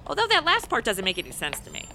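A woman's voice: fairly high pitch, huge pitch swings, fast, sharp tone, a little hiss or hum, exaggerated voice. An actress playing a flippant modern young American woman stranded in the past, in a comedy audio drama.

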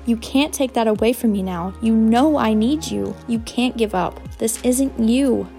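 A woman voicing a desperate, earnest young man in an audiobook, pleading with a low-key read. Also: unhurried, vocal fry, dark tone, soft background music. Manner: pleading, voice rising. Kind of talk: audiobook narration.

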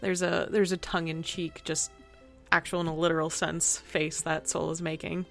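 A woman's voice: low voice, flat delivery, moderate pace, vocal fry. A woman talking casually in role-play as a player in a tabletop game. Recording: music playing behind the voice.

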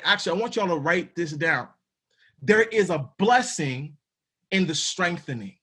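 A man's voice: sits high, fairly bright tone, husky. A man teaching a podcast Bible study in a casual, emphatic way, with slang and repeated words.

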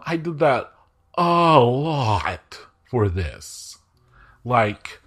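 A man narrating a tabletop game as game master, speaking slowly and deliberately with frequent hesitations. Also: mid-range voice. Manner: slow, deliberate, hesitant with many fillers.

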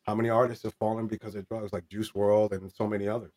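A man's voice: lowish voice, level tone, quick pace, a little mellow. A man in his forties telling a candid personal story in an interview, earnest and rambling, with many fillers and restarts. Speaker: interview guest.

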